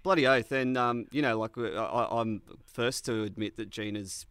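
A man's voice: mid-range voice, moderate pace, a bit bright, smooth, no echo. An Australian man co-hosting a podcast in casual, comedic sports chat, mock-serious and blokey, with heavy slang. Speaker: podcast co-host.

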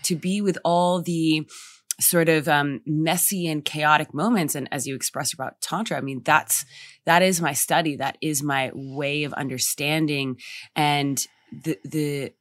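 A woman's voice: low voice, fairly even intonation, measured pace, no room sound. A woman guest in a casual spiritual conversation, reflective and emphatic, often repeating her phrases. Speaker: podcast guest.

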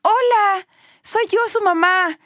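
A woman with a Chilean accent voicing a sly male wolf pretending to be a mother goat, in a high sugary falsetto. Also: slow pace, fairly bright tone, no room sound, studio quality, exaggerated voice.

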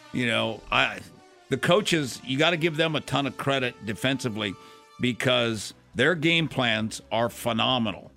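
A man's voice: mid-range voice, vocal fry, bright, forceful tone. A man co-hosting sports radio, giving casual football analysis.

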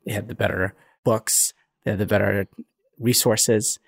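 A young adult man from Ethiopia, a podcast guest talking in an earnest, reflective way with frequent pauses. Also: fairly low pitch, steady tone, creaky, breathy edge. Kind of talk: conversational interview.

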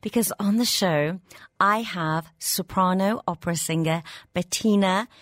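A woman's voice: fairly low pitch, unhurried, no echo. A woman hosting a radio show and interviewing a guest in the studio, chatty and playful. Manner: chatty, playful, laughs often. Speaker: radio host.

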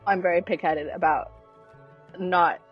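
Husky, low-voiced American woman, British influence. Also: fairly even intonation, unhurried, highs cut off, soft background music. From United States. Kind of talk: casual reflective chat.

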